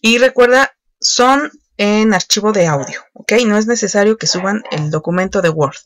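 A woman with a mid-range voice takes learners patiently through an online English lesson. She uses frequent fillers and pauses while explaining each step, and the recording is close and dry with no room sound.

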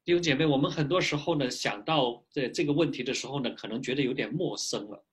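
A male pastor preaching a sermon in a lively, animated way, pausing often for an interpreter, speaking from a small home office into a webcam. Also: mid-range voice, breathy edge. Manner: lively preaching with frequent filler particles.

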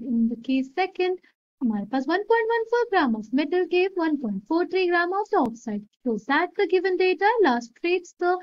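A woman's voice: extremely high pitch, dry recording, muffled recording. A woman with an Indian accent explaining a chemistry problem, switching between Hindi and English and often checking in with "right?". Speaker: chemistry tutor.

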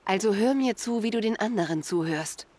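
A woman voicing a calm, persuasive young female hunter in a video game dub, speaking steadily and reassuringly. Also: medium pitch, brisk, lightly acted.

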